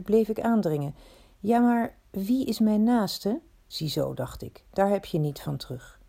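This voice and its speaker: A woman's voice: medium pitch, vocal fry, warm tone. A woman telling a story in the first person, in a reflective, confiding way that often asks itself questions.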